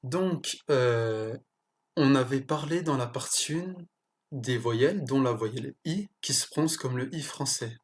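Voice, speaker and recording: A teacher slowly explaining pronunciation, pausing often and correcting small slips along the way. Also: medium pitch. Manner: slow, careful explanation with pauses and self-corrections. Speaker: language teacher.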